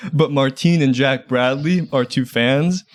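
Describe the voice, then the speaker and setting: A young man with a medium voice trades teasing, self-mocking jokes on a casual podcast. The sound is dry and close, with no room echo. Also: mid-range voice. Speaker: podcast co-host and editor. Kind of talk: casual chat.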